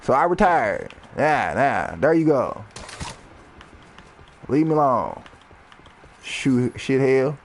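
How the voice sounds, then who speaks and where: A man's voice: mid-range voice, sing-song, slow pace, pauses often, a little hiss or hum. A man in his thirties, a rapper, rambling freely and swearing during casual gameplay commentary. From United States. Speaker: rapper and gaming streamer.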